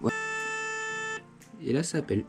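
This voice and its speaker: Over music, a man speaks at a moderate pace, giving a casual, hands-on product demonstration indoors at home. He hosts a motorcycle gear review channel and explains everything informally and conversationally.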